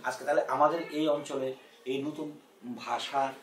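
A man from Bangladesh with a Bangladeshi Bengali accent, a poet in a casual discussion, talking in an animated way and acting out dialect examples. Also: mid-range voice, measured pace. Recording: roomy, distant mic, faint background noise.

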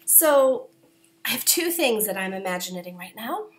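A woman's voice: medium pitch, big pitch swings, normal speed. Coughing woman chatting about her knitting. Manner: chatty, self-deprecating, apologetic, with many fillers. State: coughing, throat-clearing. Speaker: knitting podcast host. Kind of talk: casual chat. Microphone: camera.

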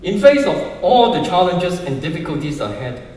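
A man's voice: high voice, big pitch swings, normal speed, darkish tone. A man heading a university department, reading a formal commencement speech from notes at a stage mic. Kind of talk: prepared speech read from notes. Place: large hall, on stage at a standing mic. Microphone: stand mic. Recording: roomy hall sound, heard from a distance.

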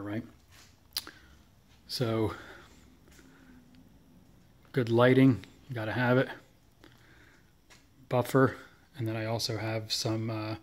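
Man with a flat voice touring his garage workshop. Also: mid-range voice. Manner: relaxed, chatty, lists tools with fillers. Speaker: knife maker giving a shop tour. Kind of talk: casual shop tour walkthrough. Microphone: handheld phone camera.

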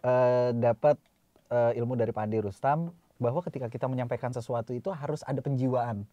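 A man talking as a guest in a casual chat, relaxed and easygoing, humming along in agreement. His middle-pitched voice is close and dry, with no echo. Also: a little fast, muffled recording. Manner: relaxed, many soft hums of agreement. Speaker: guest, voice talent.

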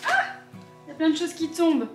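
A woman vlogger chatting to camera in a casual, excitable way, with frequent hesitations. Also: high voice, rapid-fire. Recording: echoey room with faint music.

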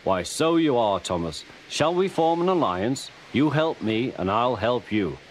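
A man voicing a big, proud express engine with a hearty, rumbling manner. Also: big pitch swings, unhurried, a little hiss or hum. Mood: jovial.

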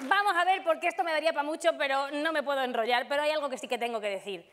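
A woman from doing a lively stand-up comedy monologue on a theater stage, acting out the people in her stories. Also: high voice, fast, a faint crowd, slight background noise. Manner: lively storytelling, acting out quoted voices. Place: theater stage with live audience.

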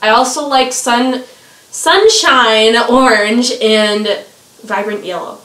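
A woman's voice: a little high, slow pace, a bit bright. A young woman co-hosting a casual vlog with her sister, giggly and rambling. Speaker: vlogger, co-host with her sister. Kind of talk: casual unscripted chat. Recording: echoey room, distant mic, faint hiss.

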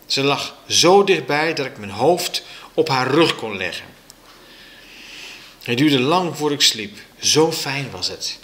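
Slow, expressive male storyteller. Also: medium pitch. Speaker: reader of a children's book. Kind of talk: reading aloud a children's story.

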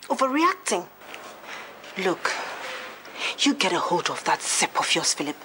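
A woman's voice: on the low side, sing-song, measured pace, background noise. An actress with a Ghanaian accent playing a jealous, domineering and wounded woman in love in a film drama, speaking emphatically. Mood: angry, threatening. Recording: loud music behind film dialogue.

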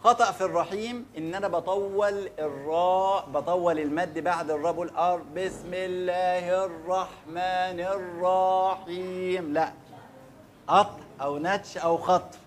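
A man with an Egyptian accent teaching Quran recitation, drilling words slowly and asking listeners to repeat them back. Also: sits high. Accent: Egyptian Arabic. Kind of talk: recitation lesson.

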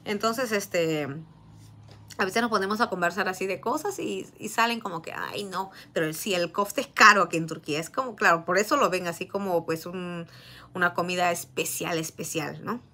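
A woman's voice: on the low side, normal speed, pushed and bright. A woman in her thirties with a Peruvian Spanish accent, telling a family story in a chatty vlog, often laughing and full of fillers. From Peru. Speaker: vlogger. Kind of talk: casual storytelling.

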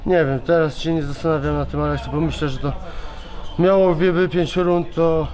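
A man in his thirties, worn out after a fight, answering reporters in a halting way, restarting and repeating words, speaking into handheld mics at a backstage press wall. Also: on the high side, fairly even intonation, darkish tone. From Poland. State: exhausted. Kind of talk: post-fight press interview. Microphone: several handheld reporter mics held close.

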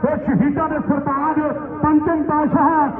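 A man's voice: very high voice, flat delivery, moderate pace. A man with a Punjabi accent announcing and commentating at a rural kabaddi match in a declamatory way. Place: outdoor village sports ground. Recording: tinny echoing PA, distant, noisy.

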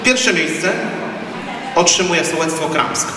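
A man's voice: fairly high pitch, takes it slowly, distant mic. A man formally announcing competition results from a stage to an audience. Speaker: award announcer. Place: stage in a large community hall. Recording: very noisy echoey hall, loud crowd.

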